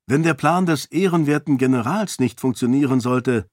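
A man with a mid-range, slightly mellow, natural voice, pitched above his own, voices a resolute young princess who argues with a council of lords in a firm, persuasive, urgent way. The recording is dry with clean studio sound.

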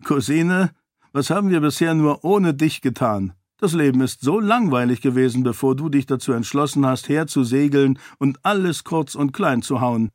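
A man's voice: mid-range voice, expressive, normal speed, a little mellow, no echo, studio quality, voice pushed up, natural voice. A man voicing a teasing, jovial young nobleman in an audiobook. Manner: teasing, laughing.

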